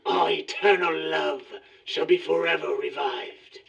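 A man playing an obsessive villain in an old radio serial, speaking in a raspy, whispery voice. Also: on the high side, steady tone, unhurried, a bit bright, exaggerated voice. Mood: menacing. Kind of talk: 1940s radio acting. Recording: dull lo-fi radio sound from far off.

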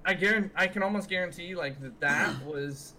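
Male podcast co-host, American, young, slightly high bright voice, casual frat-bro banter full of slang. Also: normal speed, slight background noise. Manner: frat-bro slangy, swearing, peppered with "dude" and "bro".

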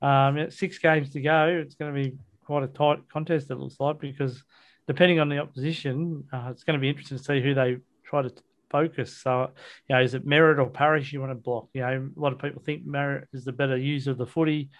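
A man's voice: mid-range voice, flat delivery, quick pace. An Australian man hosting a casual football podcast, talking in a matey, colloquial, blokey way. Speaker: sports podcast host. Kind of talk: casual football chat, match review.

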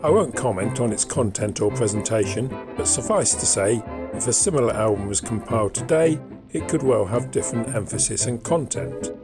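A man's voice: lowish voice, expressive, a little fast, over music. A man hosting a podcast, reading a scripted introduction. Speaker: podcast host.

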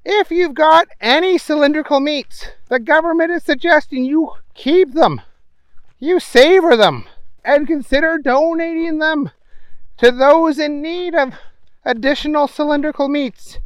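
A man's voice: extremely high pitch, unhurried, no echo, voice pushed up, rough recording. A man putting on a chirpy TV newswoman. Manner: bright, chirpy newsreader delivery. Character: perky TV newswoman, adult woman.

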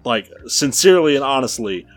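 A man's voice: mid-range voice, animated, a little fast. A man co-hosting a casual podcast, making dry, mock-serious jokes. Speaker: podcast co-host.

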